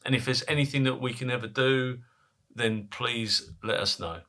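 A man's voice: mid-range voice, normal speed, sharp tone. A middle-aged man from Essex with an Essex accent, hosting a conversational podcast interview. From Essex, England.

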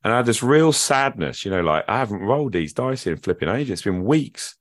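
A British man hosts a casual podcast, rambling and self-deprecating with many fillers while getting over a cold. His voice is on the low side, sing-song, and fairly quick, recorded dry in studio quality.

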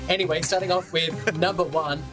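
A man's voice: fairly high pitch, steady tone, brisk. A man presenting a scripted showbiz gossip segment with an arch, knowing, insinuating delivery. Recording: music bed under voice. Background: music.

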